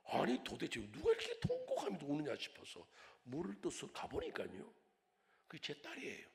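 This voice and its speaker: Older pastor guy preaching a revival, gravelly voice, super animated, drops to whispers then shouts, church echo. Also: high voice, moderate pace. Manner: dramatic, swings from whispers to loud cries. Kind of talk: revival sermon with storytelling. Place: church sanctuary. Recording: long hall reverb in a church.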